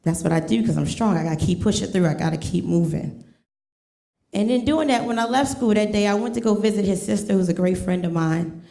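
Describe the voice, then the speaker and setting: Brief: woman storyteller, gravelly texture, earnest refrains, echoey hall. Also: medium pitch, a little fast, mellow. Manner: earnest, emphatic, repeats refrains. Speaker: teacher telling a personal story on stage. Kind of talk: live storytelling. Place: museum event hall with audience. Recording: echoey room.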